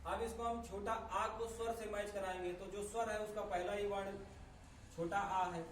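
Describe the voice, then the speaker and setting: High-voiced man teaching in an echoey room. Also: flat delivery. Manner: slow, methodical explaining, spelling out sounds one by one. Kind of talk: classroom grammar lesson. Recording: echoey room, voice from a distance, faint ambient noise.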